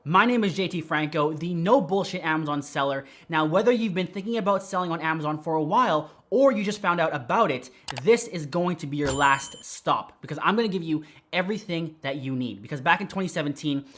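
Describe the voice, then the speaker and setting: A man teaching how to start an online business, talking straight to camera in a direct, energetic way, with a slight whistle on his S sounds. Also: fairly high pitch, fairly quick, few pauses. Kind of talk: tutorial to camera.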